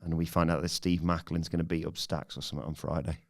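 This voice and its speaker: A man's voice: rumbling low, flat delivery, quick pace, gravelly. A man co-hosting a podcast, giving a dry, sarcastic play-by-play recap in casual chat. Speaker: podcast co-host recapping the show.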